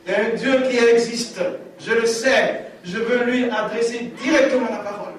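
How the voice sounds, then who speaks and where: A high-pitched man whose first language is an African language preaches his testimony emphatically, repeating lines to drive them home. He speaks at normal speed with fairly even intonation. He's recorded from a distance in a very echoey hall with a faint room hum.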